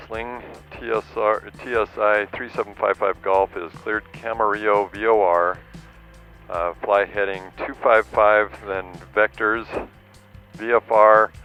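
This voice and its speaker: A man's voice: on the low side, steady tone, unhurried, muffled recording, soft background music. A man, a pilot, making clipped radio calls to air traffic control through an aviation headset.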